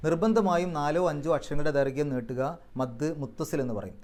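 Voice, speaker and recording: A man giving a religious lesson, explaining recitation rules step by step and slowly chanting example words. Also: fairly high pitch, darkish tone. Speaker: Quran teacher.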